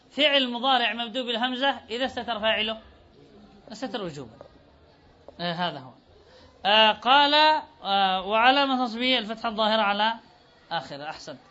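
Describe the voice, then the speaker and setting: A man teaches a grammar lesson, quizzing his students and repeating their answers back. His voice sits high, bright and forceful, and the recording is dull and lo-fi.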